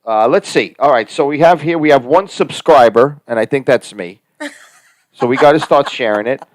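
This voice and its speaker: Brief: man, Jersey Italian accent, chatty live-stream co-host, middle pitch, dry close mic. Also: moderate pace, dry recording. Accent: New Jersey Italian-American. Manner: rambling, many fillers and restarts. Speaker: co-host and actor. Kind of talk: casual live-stream chat.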